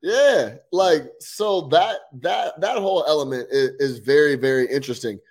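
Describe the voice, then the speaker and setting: A man's voice: a little high, moderate pace. A man co-hosting a sports podcast, chatting casually about football with profanity and frequent restarts. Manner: conversational, profane, stumbles into restarts.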